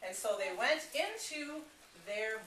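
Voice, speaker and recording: A woman tells a story to children with a bright, fairly high voice that swoops lively up and down. She sounds expressive and animated. She is heard from across an echoey room. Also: takes it slowly, recorded from a distance, slight background noise. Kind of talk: reading a story aloud to children.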